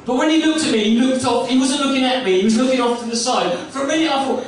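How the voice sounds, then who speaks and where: A man's voice: very high-pitched, racing. A man doing a stand-up routine, brash and profane, mocking himself. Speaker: stand-up comedian. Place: comedy club stage. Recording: echoey live room from far off, crowd. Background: audience laughter.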